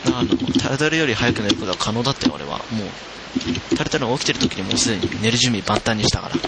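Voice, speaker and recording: A man's voice: medium pitch, lively intonation, rapid-fire, heavy background noise. A man hosting a casual group chat on a voice call, speaking into a headset. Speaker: host of a recorded chat. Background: music.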